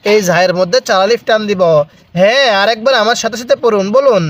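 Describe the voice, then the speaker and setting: Brief: high-pitched male Quran reading teacher, patient drill, slow drawn-out syllables for repetition. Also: a bit bright, dry recording. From Bangladesh. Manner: spells out letters and drawn-out vowels slowly, has learners repeat. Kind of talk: step-by-step recitation lesson.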